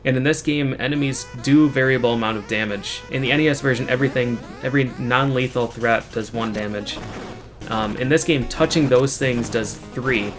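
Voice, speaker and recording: A man giving casual speedrun commentary as the runner, explaining technical details in a matter-of-fact, halting way. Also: medium pitch. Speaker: speedrunner commentating on own run. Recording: game music playing behind the voice. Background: video game music.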